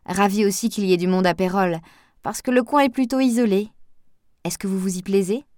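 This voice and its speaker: A woman's voice: mid-range voice, fairly quick, a little mellow, no echo, studio quality, close to an everyday voice. A woman voicing a gossipy elderly village woman who talks in a confiding, old-fashioned way.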